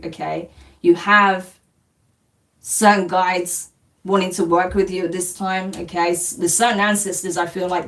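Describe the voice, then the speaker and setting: The recording is rough and distant, but the lowish voice belongs to a London woman with a faint New Zealand twang. She's doing a reassuring live-stream collective tarot reading as a spiritual reader, frequently checking in with "okay?" and "right?".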